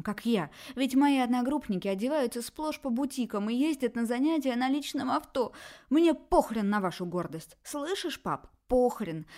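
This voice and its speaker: A woman voicing a shrill, spoiled pregnant young woman who shrieks her accusations. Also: a little mellow.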